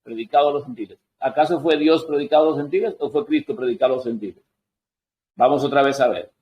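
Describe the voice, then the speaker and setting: A man's voice: mid-range voice, fast talker, lo-fi sound. Man teaching a Bible study lesson. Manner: reads scripture aloud, then asks and answers his own questions; adjusts on-screen text while talking. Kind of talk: Bible study lesson reading and explaining verses.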